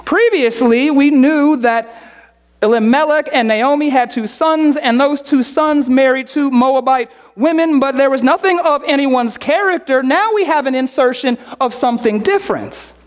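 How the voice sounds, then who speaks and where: A woman preaching a sermon with emphatic repetition and rhetorical questions. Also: high-pitched. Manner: slow, emphatic, repeating phrases, rhetorical questions.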